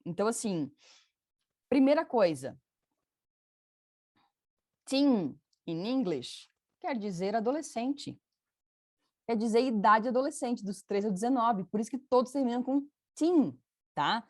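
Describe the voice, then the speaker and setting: A woman's voice: a little high, animated, unhurried, pauses often, a little mellow, no echo, studio quality. A woman from Brazil, teaching a casual online English lesson, chatty and patient, often checking in with her students and repeating examples.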